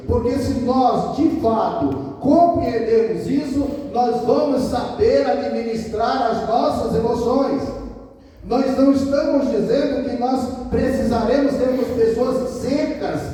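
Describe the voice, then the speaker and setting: A man's voice: very high voice, takes it slowly, mellow. A man preaching a sermon as pastor, emphatic, with many rhetorical questions. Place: large church hall. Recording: echoey hall, distant mic.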